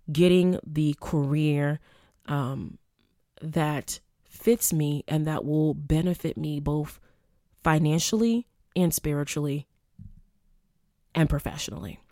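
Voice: mid-range voice, mellow, no room sound, clean studio sound. A podcast host talking casually on their own, rambling and chatty, with lots of filler words and restarts. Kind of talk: casual solo podcast monologue.

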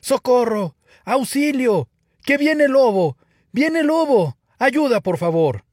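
A man's voice: sing-song, takes it slowly, no room sound, studio quality, heavily acted. A man doing a shrieking prankster shepherd boy. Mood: shouting for help. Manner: shouting and cackling, high-pitched. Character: young male shepherd boy, mischievous prankster.

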